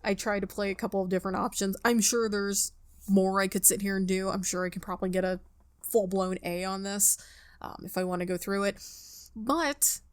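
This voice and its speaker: A woman with a smooth, medium-pitched voice and fairly even intonation plays host in a gaming video at a moderate pace. Sitting close to a mic without a pop filter, over music, she reads game text and chats playfully, partly to herself.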